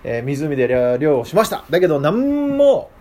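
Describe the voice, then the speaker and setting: Leading an informal Bible lesson, this teacher keeps things lively by putting questions to the group. His voice is on the high side at a moderate pace, with slight background noise.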